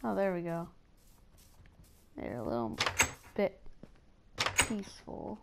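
A woman with a gravelly, creaky voice talks slowly through casual gameplay commentary. She rambles and chats along as she plays, humming little nonsense sounds. A loud, steady hiss runs under the whole recording. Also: on the low side. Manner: rambling, chatty, hums little nonsense sounds while playing. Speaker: gameplay video host.

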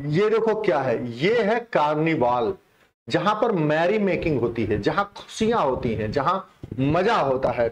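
A man teaching English vocabulary in a chatty, repetitive online exam-prep lesson. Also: a little high. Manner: explains in Hindi mixing English terms, chatty and repetitive.

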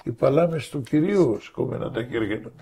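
A man's voice: mid-range voice, vocal fry, a crowd in the background. An older man giving a faith testimony, telling his story with energy and acting out the voices of the people in it. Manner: acts out quoted dialogue with shifting voices.

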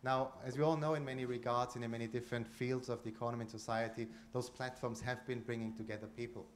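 Holding a handheld mic in a conference room, this forties-aged Austrian panelist delivers roundtable remarks flatly and fast in a mid-range voice. Slight background noise sits under the recording. His speech is full of restarts and fillers, and he gestures while talking.

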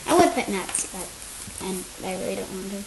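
A woman's voice: mid-range voice, lively intonation, brisk. A female host chatting through a casual cooking demonstration at a kitchen table, hesitant with frequent ums. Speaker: host of a home cooking video. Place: home, at a kitchen table indoors. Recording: noisy home camera recording.

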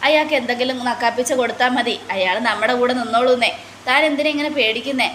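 A smug, scheming boss who talks down to his worker and waves away danger, with a woman putting him on. The pitch runs somewhat high, in an echoey room. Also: fast talker, fairly bright tone, slight background noise, lightly acted. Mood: scheming assurance. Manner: dismissive, reassuring with contempt. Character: scheming male manager, calm and bossy.

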